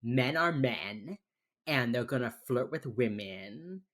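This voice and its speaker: An American woman with a Miami accent, co-hosting a casual podcast chat in an informal, sweary, halting way. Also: very deep voice, expressive. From United States. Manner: informal, sweary, halting with many filler phrases. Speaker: podcast co-host.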